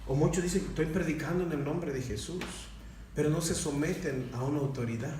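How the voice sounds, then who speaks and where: Male pastor, animated sermon with rhetorical questions, heard from far off in a very reverberant church hall. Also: a little high, fairly quick. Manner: animated, rhetorical questions, rising to loud emphatic passages. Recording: very echoey hall, mic far off, faint noise.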